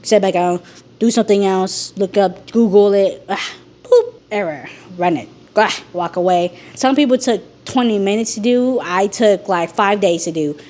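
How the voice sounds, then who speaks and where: A woman talking frankly in a rambling personal vlog, her voice rough from being sick. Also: mid-range voice, moderate pace, a little mellow. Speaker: YouTuber.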